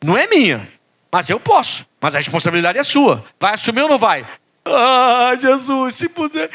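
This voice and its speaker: Bright, high-voiced Brazilian preacher man. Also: sing-song, fast talker, breathy edge. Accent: Brazilian Portuguese. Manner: dramatic, acts out biblical voices, rising to pleading cries. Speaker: pastor. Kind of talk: sermon.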